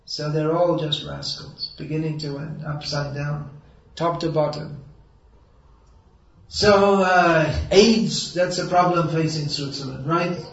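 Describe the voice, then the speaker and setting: A man's voice: on the high side, steady tone, takes it slowly, gravelly, fairly bright tone. A man giving a sermon to an audience, wry and sarcastic, then earnest and emphatic. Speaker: preacher. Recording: roomy echo, distant mic, dull sound.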